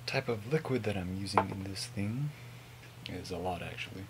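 A man in his twenties giving a casual, mumbled, sweary product review on a low-volume webcam recording. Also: moderate pace, heavy background noise. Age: 20s. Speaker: vape reviewer. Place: small home room with hanging clothes.

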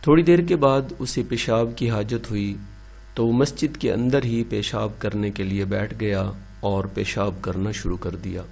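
A man narrating a moral story in a measured, reverent, scripted way. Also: on the low side, gravelly, a little mellow.

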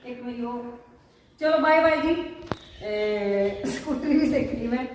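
A middle-aged Punjabi woman with a high voice chats casually as she vlogs. She is recorded outdoors from a distance, with a very echoey sound and loud vehicle noise around her. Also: a little slow. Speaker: family vlogger. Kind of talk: casual family chat while practising scooter riding. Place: outdoors by a road.

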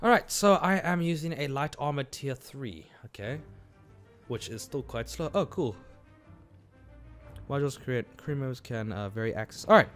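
A man's voice: medium pitch, lively intonation, normal speed, a bit bright, soft background music. A man from South Africa giving casual live commentary while playing a video game, muttering his reactions as he plays. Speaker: gaming channel host.

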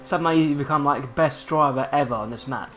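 A young man giving casual, excitable gameplay commentary, swearing and laughing often. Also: on the high side, fairly quick. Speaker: gaming channel host.

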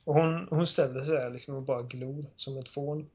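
A man co-hosting a casual game podcast, retelling scenes with animated storytelling. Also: mid-range voice, slightly rough. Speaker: podcast co-host. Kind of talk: casual chat.

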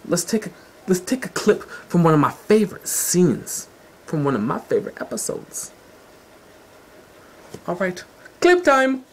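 A man's voice: a little high, sing-song, normal speed, slight background noise. A man from Canada hosting his own video channel, chatting casually and joking in a laid-back way. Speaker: channel host. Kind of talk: casual vlog chat.

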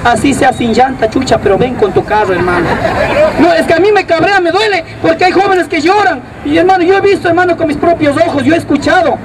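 High-voiced ecuadorian guy doing crude street comedy, mic far off, noisy street crowd behind. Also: fast talker. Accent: Ecuadorian Spanish. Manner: rowdy, crude, addresses crowd as brother. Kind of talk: outdoor street comedy routine. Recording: distant mic, loud crowd and street noise.

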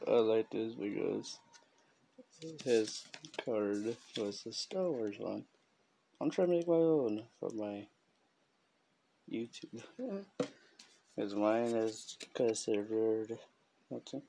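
Man, low gravelly voice, slow rambling show-and-tell, faint hiss behind. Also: expressive, mellow. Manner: slow, rambling, chuckles often. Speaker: collector showing business cards. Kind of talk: casual show-and-tell vlog.

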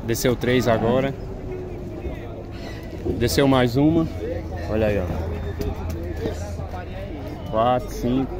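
A man's voice: mid-range voice, steady tone, takes it slowly, long pauses. Man, casual phone vlog, outdoor market, crowd chatter behind, talks to viewers. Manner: talks straight to viewers, pointing things out. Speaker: vlogger filming a cattle fair. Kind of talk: casual phone-camera commentary. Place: outdoor cattle market pens. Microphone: handheld phone camera. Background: crowd and vehicles at an outdoor fair.

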